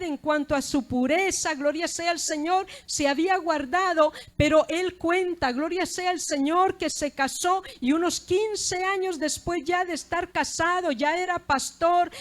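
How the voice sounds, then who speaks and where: A middle-aged woman preaching a sermon, earnest and often praising God between phrases. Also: very high voice. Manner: earnest preaching with repeated "gloria sea al Señor".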